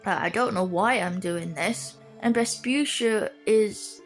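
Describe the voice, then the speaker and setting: A young woman casually telling a rambling, animated story, acting out other people's voices. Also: medium pitch, slow pace, soft background music.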